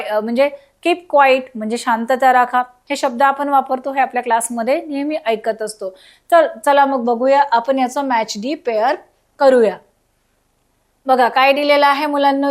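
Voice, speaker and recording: A woman teaching a recorded school lesson, spelling words out letter by letter and asking children questions. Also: high-pitched.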